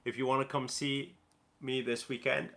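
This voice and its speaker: Reading viewer comments and answering them on a casual livestream, the Newcastle-born host talks loosely, full of fillers and restarts. His medium-pitched voice is gravelly, with a bright, forceful edge. He keeps a flat delivery at a normal speed.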